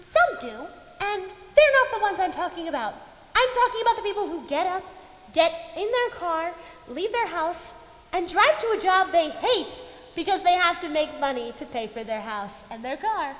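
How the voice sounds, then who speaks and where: Bright, high, lively angel of Death, played by a woman on a reverberant stage; bubbly and quick to flare up. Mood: chatty lecturing. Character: perky female Angel of Death, bright and touchy. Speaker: stage actor. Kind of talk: stage musical dialogue. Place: theatre stage at dress rehearsal. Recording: echoey stage from a distance.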